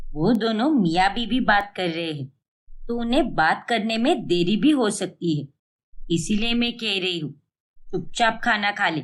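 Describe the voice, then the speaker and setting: A woman's voice: mid-range voice, fairly bright tone, natural voice. A woman voicing a scheming, domineering mother-in-law in a cartoon story. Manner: scolding, domineering. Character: scheming bossy middle-aged mother-in-law.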